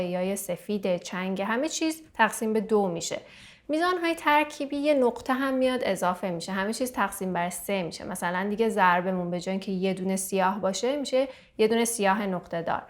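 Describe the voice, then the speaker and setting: A woman teaching santur, patiently explaining meter and counting beats aloud between her explanations. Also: medium pitch. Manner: counts beats aloud and sings note names; patient, explanatory, with fillers and restarts. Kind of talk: music lesson explanation.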